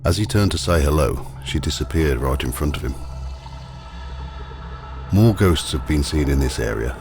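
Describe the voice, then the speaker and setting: A man narrating a scripted ghost walk as the guide, telling the stories in a measured, matter-of-fact way. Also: a bass voice. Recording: clearly noisy, ambient sound behind.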